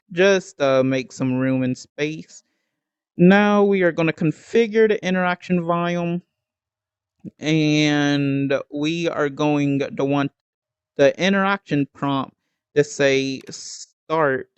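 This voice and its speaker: Man, game building tutorial, slow and halting, hiccuping, smooth fairly high voice. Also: no echo, muffled recording. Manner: slow, halting, with many ums and restarts.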